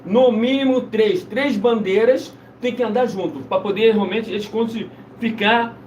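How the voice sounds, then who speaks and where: A man's voice: sits high, moderate pace, darkish tone, highs cut off. A man preaching in a loose, insistent live-stream chat, repeating himself as he goes. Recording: roomy, distant mic, faint noise.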